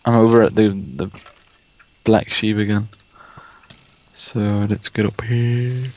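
A man's voice: lowish voice, steady tone, slow pace, a little mellow. A young man hosting a gaming video, chatting casually and rambling about movies while playing. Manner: rambling, swears when startled. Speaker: let's play host.

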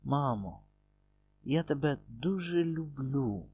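A man voicing a young village woman, an anxious and loving daughter, speaking in soft, tender pleas. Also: mid-range voice, big pitch swings, measured pace, no room sound, muffled recording. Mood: pleading.

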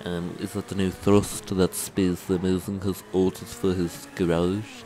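A man's voice: sits low, little pitch movement, unhurried, warm tone, a little hiss or hum. An actor voicing a stiff, formal male garage receptionist in a video game, heard as distant game audio.

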